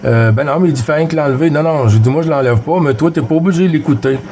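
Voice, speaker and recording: A middle-aged Quebec man with a Québécois French accent rambles on CB radio, full of fillers and restarts. His voice sits a little high and dark-toned, and he talks at a racing clip.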